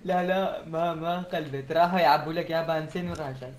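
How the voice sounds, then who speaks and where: A man's voice: a little high, fairly even intonation, quick pace, a crowd in the background. A man chatting casually with a friend during a multiplayer survival game, teasing and joking as they play. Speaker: fellow YouTuber on the role-play server. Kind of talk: casual gaming chat.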